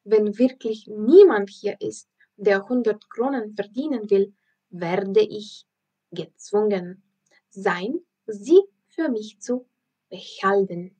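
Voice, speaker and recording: A woman voicing a loud, pompous male circus ringmaster in an audiobook reading. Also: medium pitch, slow. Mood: blustering. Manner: loud, announcing.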